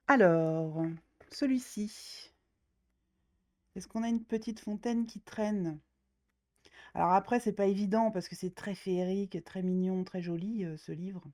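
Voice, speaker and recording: Flipping through coloring books, this woman chats away in a warm voice on the low side, stuffed up slightly by a cold. She's a coloring YouTuber whose talk is loose, slangy, self-deprecating and packed with fillers.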